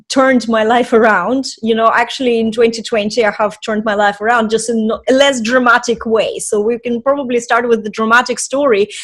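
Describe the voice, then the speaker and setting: A woman from Estonia in her forties, telling her life story as a podcast guest in a chatty, animated way with many fillers. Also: on the high side. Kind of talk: casual storytelling in an interview.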